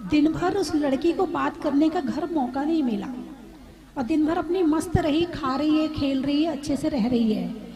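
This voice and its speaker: High-voiced woman preaching a sermon. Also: normal speed, over music. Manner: repetitive, asks the audience questions. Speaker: Jain preacher. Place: live gathering with seated audience.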